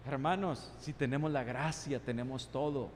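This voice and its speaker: A man's voice: medium pitch, fairly even intonation, moderate pace, slight background noise. A male pastor preaching an impassioned sermon, asking many rhetorical questions and voicing God's replies. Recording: long reverb in a large hall, faint ambience.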